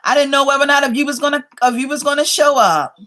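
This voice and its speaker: A woman in her fifties hosts a casual livestream, speaking quickly in a high, somewhat bright voice. She's playful and chatty, reads viewers' comments aloud, and keeps calling them "y'all."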